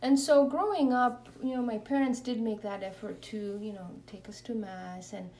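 Earnest religious sister, off-mic. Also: female voice, fairly high pitch, fairly even intonation, moderate pace, dark tone, a little hiss or hum. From Kenya. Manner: earnest, reflective. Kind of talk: interview testimony and spoken prayer. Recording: voice a bit far from the mic.

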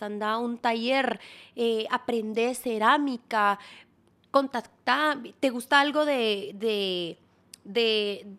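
High-voiced frank woman. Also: fairly bright tone. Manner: frank, direct, swears casually, speaks straight to the listener. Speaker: podcast host. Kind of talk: casual advice podcast.

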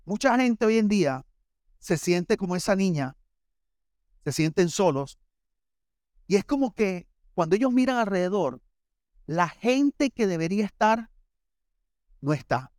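A man's voice: high-pitched, lively intonation, a little slow, pauses often, a little mellow, dry recording, clean studio sound. A middle-aged man with a Barranquilla coastal Colombian accent, preaching a sermon in a conversational, storytelling way with humorous asides to the congregation. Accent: Colombian Caribbean coast (Barranquilla). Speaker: pastor.

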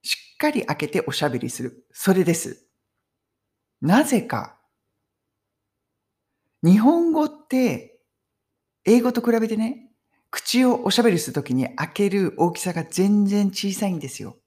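A woman's voice: mid-range voice, very animated, measured pace, long pauses, warm tone. A middle-aged woman giving a casual English conversation lesson on video, talking in an emphatic, friendly teaching tone. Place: home in London.

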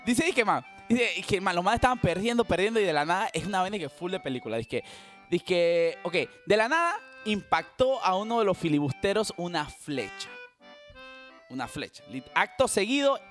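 A young man with a Panamanian Spanish accent tells a story in loose, slangy chat. His voice sits high and swings a lot in pitch, with faint music in the background. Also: normal speed. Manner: animated, laughing, heavy slang and swearing, restarts. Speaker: podcast host telling a history story. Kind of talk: casual chat.

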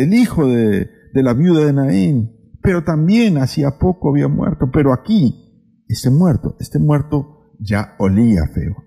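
A man's voice: medium pitch, dark tone, breathy edge, in a large hall. A man teaching a Bible lesson, speaking unhurriedly with fillers and repeating phrases for emphasis. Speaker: preacher.

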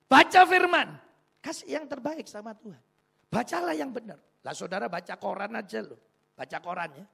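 A man's voice: high-pitched, animated, moderate pace, creaky, pushed and bright, slightly rough. A male pastor preaching a sermon, telling humorous anecdotes and putting rhetorical questions to the congregation.

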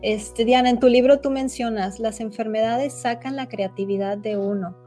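A woman's voice: a little high, steady tone, moderate pace, dark tone, faint music behind. A woman hosting a friendly interview, asking engaged questions. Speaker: host.

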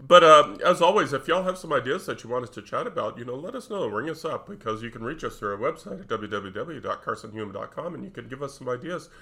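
A man's voice: medium pitch, lively intonation, fast talker, hardly any pauses, a bit bright. A middle-aged man with a stuffed-up, congested voice, rambling and self-deprecating as a podcast co-host on a close mic. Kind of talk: casual podcast chat.

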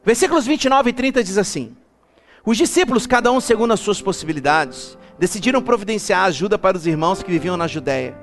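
A man preaching a lively church sermon as bishop, calling the congregation to repeat after him and building up to shouts. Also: high voice, quick pace, faint music behind. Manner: animated, rising to shouts, calls congregation to repeat.

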